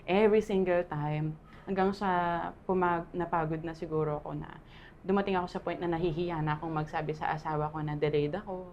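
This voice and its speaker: A woman's voice: sits low, fairly even intonation, fairly quick, highs cut off, slight background noise. A Filipino woman in her thirties, candidly sharing a painful personal testimony and laughing often as she talks.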